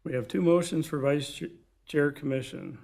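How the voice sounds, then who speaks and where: A man with a measured, gravelly delivery, speaking formally as the chair of a commission meeting. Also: on the high side, darkish tone. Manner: measured, procedural. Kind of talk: formal procedural meeting talk. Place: public meeting room.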